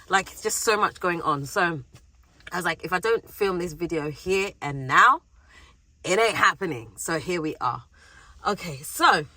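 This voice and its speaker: A woman's voice: low-pitched, rough recording. Chatty British woman vlogging. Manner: chatty, animated, acts out quoted voices. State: has a cold. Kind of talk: casual vlog talk to camera. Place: parked car in a parking lot.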